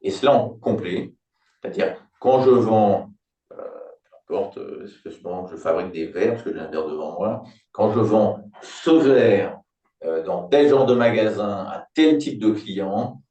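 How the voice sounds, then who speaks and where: A man's voice: lowish voice, expressive, measured pace, dark tone, muffled recording. A man in his sixties, a business consultant, explaining his thinking in a reflective, conversational way with everyday examples. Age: 60s. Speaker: business turnaround consultant, company founder. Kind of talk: conversational interview. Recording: roomy, distant mic.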